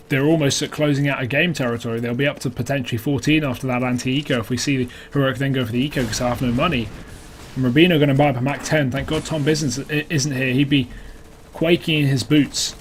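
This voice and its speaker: A man's voice: medium pitch, a little hiss or hum. A man commentating on an esports match as a caster, mixing clipped calls with conversational analysis.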